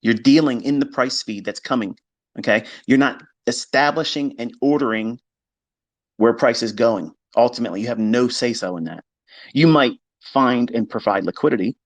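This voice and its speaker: A man's voice: mid-range voice, moderate pace, dry recording. A man teaching trading on a live stream, talking in a blunt, emphatic way and swearing freely. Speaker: trading educator. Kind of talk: unscripted live-stream lecture.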